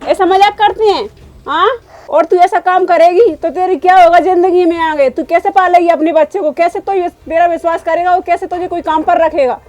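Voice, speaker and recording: A woman's voice: very high voice, fairly even intonation, normal speed, a little mellow, highs cut off. A woman playing a protective mother who scolds the maid and comforts her daughter, in a home-made short drama. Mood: angry. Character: protective angry mother, office worker.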